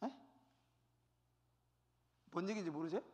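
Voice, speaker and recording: High-voiced preacher in a reverberant church. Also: male voice, animated, measured pace, a little mellow. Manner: asks the congregation questions, acts out quoted voices. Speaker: pastor. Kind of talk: sermon.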